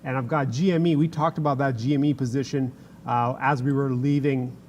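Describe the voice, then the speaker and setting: A man's voice: mid-range voice, steady tone, brisk, darkish tone, a little hiss or hum. A man presenting casual, conversational trading commentary as a futures trader on a show. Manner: informal, conversational.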